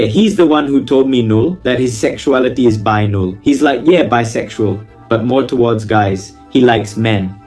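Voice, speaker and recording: Male confession-reading host, medium pitch, slangy and theatrical, gleefully dishing gossip with mocking asides, music underneath. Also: darkish tone. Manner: slangy, exclamatory, theatrical reactions. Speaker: YouTuber reading viewer confessions. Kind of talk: casual reading of gossip with running commentary.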